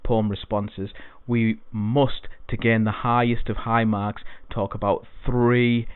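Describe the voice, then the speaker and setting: Male tutor, patient and repetitive exam-prep explainer; lowish voice, lo-fi phone-line sound. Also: level tone, slow, clear, resonant tone, no room sound. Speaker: English tutor. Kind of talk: exam-prep poetry lesson.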